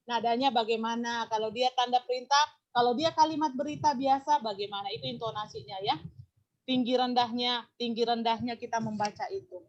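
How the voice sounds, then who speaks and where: A woman teacher with a high voice leads a lesson for pupils. She explains each point, repeats key words and checks understanding with questions. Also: fairly bright tone, dull audio. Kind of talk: classroom teaching.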